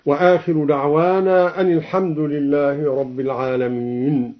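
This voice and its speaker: A man in a formal lesson explaining recitation readings in a measured, deliberate way, slowing into a melodic chant for each example. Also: fairly high pitch, level tone. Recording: dull, old radio archive recording.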